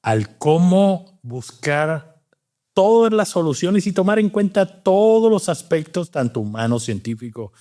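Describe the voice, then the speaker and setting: A man's voice: fairly high pitch, very animated, measured pace, warm tone. Reflective Cuban-born man talking. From Cuba. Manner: reflective, with many fillers and restarts. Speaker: guest, doctor and scientist. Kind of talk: casual interview talk.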